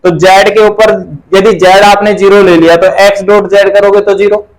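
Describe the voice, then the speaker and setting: A man's voice: high voice, little pitch movement, moderate pace, poor audio. A man teaching a math class, asking and answering his own questions and repeating the key terms.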